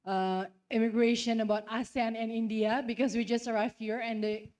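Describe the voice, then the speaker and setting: A woman's voice: fairly high pitch, flat delivery, moderate pace, darkish tone. A young woman from Indonesia asking questions from the audience at a conference, in an informal, rambling way. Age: young adult. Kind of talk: question from the floor.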